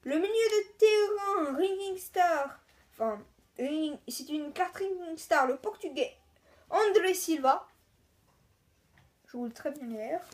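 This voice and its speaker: High-voiced woman chatting through a card unboxing. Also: lively intonation, darkish tone. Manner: halting, chatty, lists names one by one. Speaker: video host. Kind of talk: casual card-unboxing commentary.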